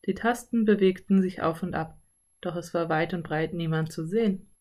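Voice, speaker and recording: A woman narrating a children's audiobook in a calm, clear storytelling voice. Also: lowish voice, moderate pace.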